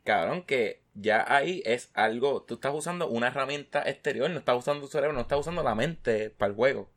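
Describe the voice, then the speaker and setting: Animated man telling stories. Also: medium pitch, fast. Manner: animated storytelling, constant swearing, mimics players. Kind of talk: casual chat.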